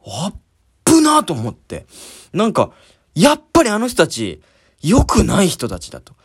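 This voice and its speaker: Guy telling a story on his podcast, higher voice, super lively, acts stuff out. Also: moderate pace, slightly rough. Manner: lively, acts out scenes with sound words. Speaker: podcast host. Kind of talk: casual storytelling monologue.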